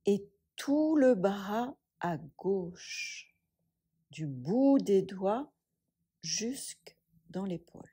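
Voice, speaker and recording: With big swings in her mid-range pitch, a woman talks listeners through a yoga relaxation meditation. Her delivery is soft, breathy and hushed, soothing and full of long pauses.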